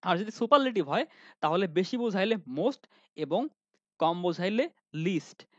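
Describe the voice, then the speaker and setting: A man's voice: high voice, expressive, measured pace, a bit bright, no echo, lo-fi sound. A man teaching an online grammar lesson, often asking questions and answering them himself, with many fillers.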